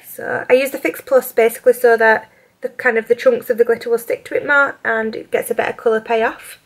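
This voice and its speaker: A woman's voice: a little high, fairly even intonation, fairly quick. A woman in her twenties with a British accent, chatting casually through a makeup tutorial, rambling with lots of fillers. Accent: British English. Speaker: beauty vlogger. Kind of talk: casual get-ready-with-me chat.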